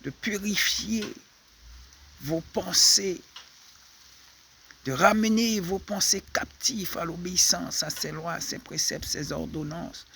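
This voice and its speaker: A man preaching a sermon, slow and halting, often repeating words as he searches for the next one. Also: high voice, creaky, sharp tone, a little hiss or hum.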